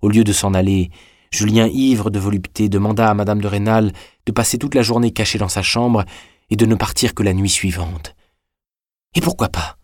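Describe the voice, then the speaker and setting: A man narrating a classic novel in a measured, even reading. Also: on the low side, no echo, clean studio sound. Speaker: audiobook reader. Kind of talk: scripted audiobook narration.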